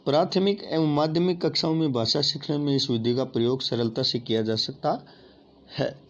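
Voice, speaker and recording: A man's voice: medium pitch, fairly even intonation, moderate pace. A man teaching an exam-prep lesson, addressing listeners as friends and asking and answering his own questions. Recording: dull lo-fi audio with faint noise.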